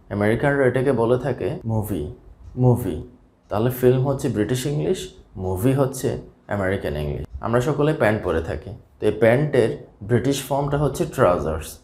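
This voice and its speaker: A man from Bangladesh teaching a scripted English vocabulary lesson, steadily repeating each key word slowly. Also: mid-range voice, darkish tone. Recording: echoey room.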